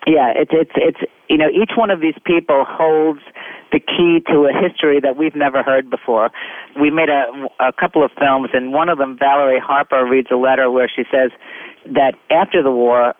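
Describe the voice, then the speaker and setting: A man's voice: mid-range voice, steady tone, normal speed, no room sound. A man telling stories earnestly in an interview and reading letters aloud. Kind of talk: interview storytelling. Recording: tinny phone line, dry.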